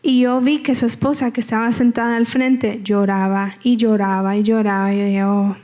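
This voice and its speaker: This woman's voice sits on the high side, warm but flat, at a moderate pace, as she tells her life story as a guest testimony in church. She keeps it conversational, echoing phrases and checking in with the audience.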